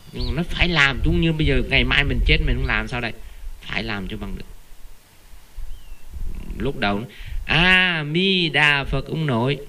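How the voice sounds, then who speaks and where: A man giving an informal Buddhist dharma talk, telling stories with animated, earnest emphasis. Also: mid-range voice, slight background noise. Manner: animated, earnest storyteller who keeps repeating the Buddha's name. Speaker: Buddhist lay teacher.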